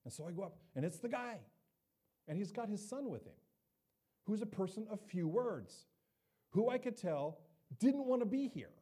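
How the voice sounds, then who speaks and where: A man's voice: high voice, expressive, normal speed, pauses often, dark tone, slightly rough. A middle-aged man preaching a sermon in a conversational, humorous way, acting out the people in his stories. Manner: conversational, humorous, acts out quoted voices. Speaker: pastor. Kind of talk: sermon with personal storytelling.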